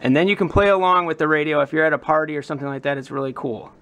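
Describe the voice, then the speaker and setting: A man with a slightly high, somewhat bright voice talks very fast while demonstrating prop modding. It's a casual hobby vlog, and his explanations are informal and enthusiastic.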